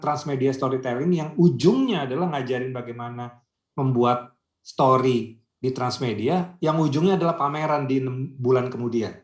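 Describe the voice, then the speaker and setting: A man's voice: medium pitch, reverberant. A man speaking as a guest on a radio-industry video call, chatty and explaining through anecdotes and rhetorical questions. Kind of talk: casual conversational discussion.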